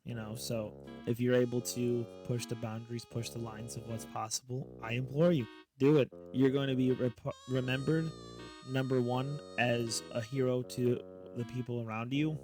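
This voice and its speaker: A man's voice: mid-range voice, steady tone, moderate pace, music in the background. A man hosting a reaction stream, speaking earnestly and emphatically about a clip he has just played. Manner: earnest and emphatic, sometimes loud. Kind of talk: casual reaction commentary.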